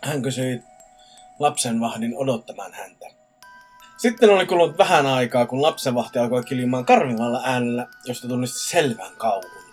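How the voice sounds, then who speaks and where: A man's voice: medium pitch, soft background music. Man reading creepy stories aloud. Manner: reads stiffly with slips and laughs. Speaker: podcast co-host reading stories.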